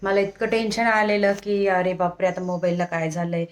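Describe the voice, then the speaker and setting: A woman's voice: on the low side, steady tone, normal speed. A young woman chatting casually to viewers of her home vlog, recorded on a hand-held phone, sometimes coaxing her child in a sing-song voice. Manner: chatty, talks straight to viewers. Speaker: home vlogger. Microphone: phone camera held in hand.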